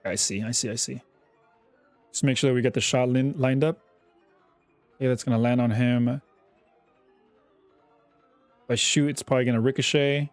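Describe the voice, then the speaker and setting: A young man giving casual, chatty commentary over his own gameplay, often repeating himself and getting excited. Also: medium pitch, normal speed, pauses often, dry recording, faint music behind. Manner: chatty, self-talking, repeats words, excitable. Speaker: gaming YouTuber.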